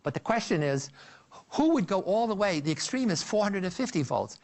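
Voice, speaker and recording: A man lecturing to an audience, walking through an example step by step. His voice sits a little high. He tells it with animated energy, stumbling and restarting often. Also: brisk. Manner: animated storytelling with frequent restarts.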